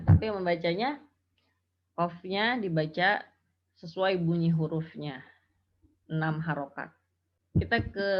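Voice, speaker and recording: A woman teaching Quran recitation rules, explaining patiently and chanting example syllables. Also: lowish voice. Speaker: tajwid teacher. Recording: dull lo-fi audio.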